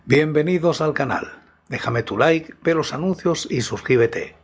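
A man's voice: on the high side, lively intonation, a little slow, breathy edge. A man narrates mystery stories for bedtime. He speaks intimately in a half-voice, as if right in your ear, hosting the listener through a scripted tale. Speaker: narrator and host of a horror story channel.

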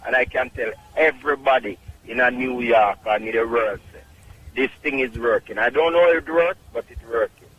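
A man's voice: medium pitch, moderate pace, breathy edge, lo-fi sound. A man with a Jamaican accent calling in to a radio show, talking emphatically and insistently. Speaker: radio caller. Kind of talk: phone-in testimonial.

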